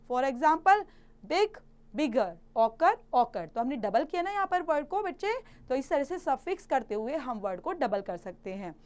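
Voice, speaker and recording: A woman with an Indian accent teaching a grammar lesson to children. She reads English slowly and carefully, then explains quickly in Hindi. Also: high voice.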